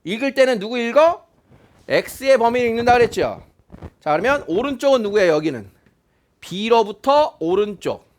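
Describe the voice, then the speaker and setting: Brief: male math teacher, high animated voice, keeps quizzing the class and repeating points. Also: a little fast. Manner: questioning, repeats key points to check understanding.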